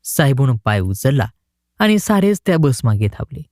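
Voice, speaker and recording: A man narrating a short story in an expressive storytelling manner. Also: medium pitch, moderate pace, no room sound, studio quality.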